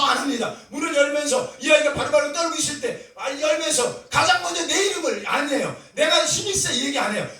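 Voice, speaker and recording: A middle-aged man preaching a sermon with passion, moving between soft talk and shouted cries. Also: extremely high pitch. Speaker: pastor. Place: church sanctuary. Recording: roomy church echo, from a distance.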